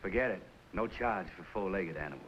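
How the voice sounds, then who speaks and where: An actor playing an easygoing young country doctor with a Southern accent and a folksy drawl, in a 1950s TV western. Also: male voice, sits low, lively intonation, a little fast, slight background noise. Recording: dull lo-fi old TV soundtrack.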